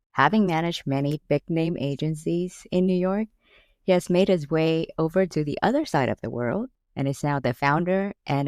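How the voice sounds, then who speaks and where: Low-voiced woman hosting a podcast. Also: a little mellow, no echo, clean studio sound. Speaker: podcast host. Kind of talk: scripted intro, then interview chat.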